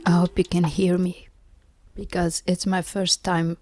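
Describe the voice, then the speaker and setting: A woman artist who is sick and has lost most of her voice, talking in a scratchy, breathy half-whisper in a chatty, apologetic vlog, close to a new mic. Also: lowish voice, level tone, measured pace, a little mellow. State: sick, voice mostly gone, whispering. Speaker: artist and illustrator vlogger. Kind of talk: casual vlog talk.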